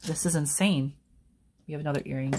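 Young woman reseller vlogging, kinda low voice, gets super excited and giggly. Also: brisk, a little hiss or hum. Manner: excitable, gushing, laughs often, says y'all. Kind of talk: casual unboxing vlog.

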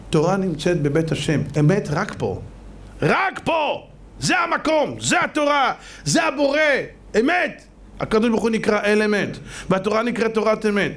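Fiery high-voiced preaching rabbi. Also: male voice. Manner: preachy, rhetorical questions, often shouting. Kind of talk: fiery sermon.

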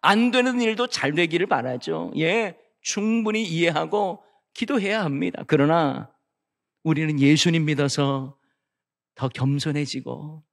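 A middle-aged man preaching a revival sermon with a notably high-pitched voice. He drops into soft, intimate storytelling, then climbs into loud, emphatic declarations. The long reverb of a church sanctuary trails after every phrase. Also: measured pace, creaky. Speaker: guest pastor.

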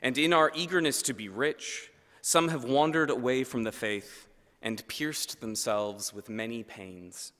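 Standing at a lectern mic in a big church, a thirty-something man delivers an earnest, measured sermon. He lets the ends of his phrases fall quiet and low, and a long reverb fills the recording.

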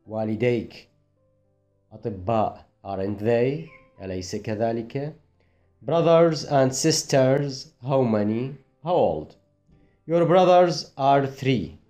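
Man, English teacher, very slow, relaxed mellow voice, careful explanations. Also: medium pitch. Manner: explains in Arabic, reads English phrases slowly and carefully. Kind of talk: classroom grammar explanation.

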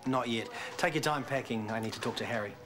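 A man's voice: mid-range voice, fast talker, music in the background, close to an everyday voice. An actor plays an earnest, careful father in a TV soap. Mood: guarded. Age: 40s. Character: earnest middle-aged father, careful and gentle. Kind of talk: naturalistic TV soap acting.

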